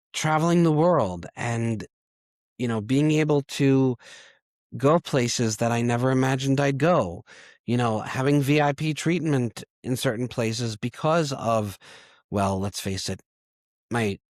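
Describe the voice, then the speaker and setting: A man, hoarse and congested from a cold, talking candidly and self-deprecatingly as a podcast host. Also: mid-range voice, darkish tone, no echo, studio quality. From Long Island, New York. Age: 30s. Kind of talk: personal confessional monologue.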